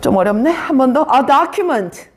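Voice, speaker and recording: Lively high-voiced woman teaching English. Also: a little hiss or hum. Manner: brisk, teasing, quizzes students by name. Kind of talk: live online vocabulary class.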